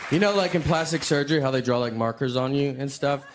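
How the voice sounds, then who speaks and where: A man's voice: mid-range voice, fast talker, crowd noise, background noise. A man in his forties doing a stand-up routine, telling stories in an understated, laid-back way with lots of "like" fillers. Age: 40s. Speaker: stand-up comedian.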